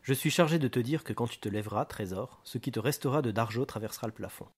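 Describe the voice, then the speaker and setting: A man's voice: medium pitch, fast talker, husky. A taunting, menacing woman on the phone, voiced by a man.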